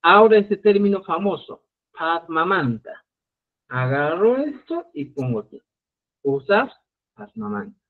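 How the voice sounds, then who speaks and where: A man's voice: high-pitched, animated, unhurried, creaky. A man teaching a live Quechua language lesson, explaining step by step and checking in with his students. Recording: tinny phone-like live stream audio.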